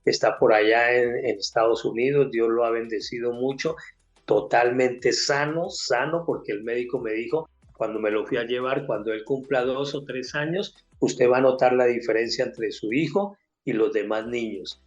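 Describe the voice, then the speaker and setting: A man's voice: mid-range voice, moderate pace, highs cut off. An older man with a Colombian accent, giving an emotional personal faith testimony and acting out the people in his story.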